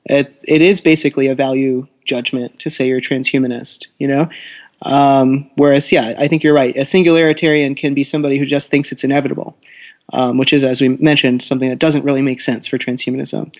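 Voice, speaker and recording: A man's voice: medium pitch, flat delivery, brisk. A man co-hosting a podcast in an articulate, explanatory, conversational way, recorded through a laptop. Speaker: podcast co-host. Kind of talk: conversational discussion. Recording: thin laptop microphone sound.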